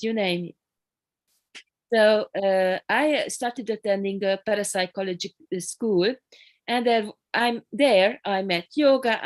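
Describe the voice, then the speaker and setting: Soft-spoken woman teaching over video call. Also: medium pitch, no room sound. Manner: soft encouraging murmurs, relaxed explaining. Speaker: qigong teacher. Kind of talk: leading an online group class.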